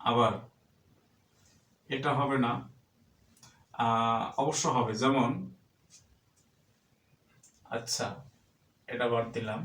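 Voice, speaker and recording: A male English teacher with a Bangladeshi accent, slowly and deliberately spelling out letters and sounds in a spoken English pronunciation lesson. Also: medium pitch, steady tone, a bit bright. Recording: echoey room, voice distant from the mic.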